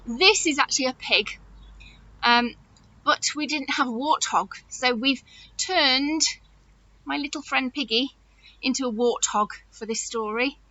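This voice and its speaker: A woman reads a story aloud to young children like a nursery teacher, animated and exaggerated, often asking them questions directly. Her voice is high-pitched and unhurried with frequent pauses, and the audio is dull.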